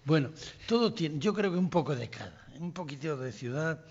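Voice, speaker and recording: Brief: older male, gravelly and husky, reflective, slightly muffled. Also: on the high side, lively intonation, a little mellow. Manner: reflective storyteller, pauses and restarts. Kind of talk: casual conversation.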